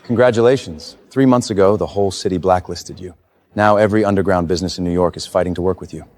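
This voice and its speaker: An actor playing a powerful, protective, self-controlled crime boss in a romantic screen drama. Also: male voice, deep voice, fast talker, darkish tone, close to an everyday voice. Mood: proud.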